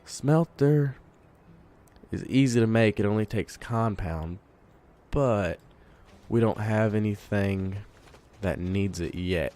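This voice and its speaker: A gamer with a cold-congested, fairly low voice gives relaxed let's play commentary at a slow pace, thinking aloud as he plays.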